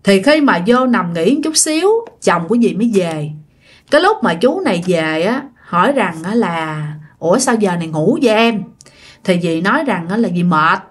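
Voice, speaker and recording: Speaking in a mid-range, slightly rough voice with lively intonation at normal speed, a woman narrates a ghost story casually. She chats straight to her listeners.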